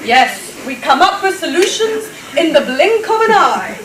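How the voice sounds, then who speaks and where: A woman's voice: extremely high pitch, big pitch swings, measured pace, a bit bright, heavily acted. A woman in an amateur pantomime playing a self-important, forgetful old academic who rambles and muses about past glories. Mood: boastful nostalgia. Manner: pompous, rambling, musing hesitations. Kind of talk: amateur comic pantomime stage acting. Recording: echoey hall, distant mic, noisy laughing audience.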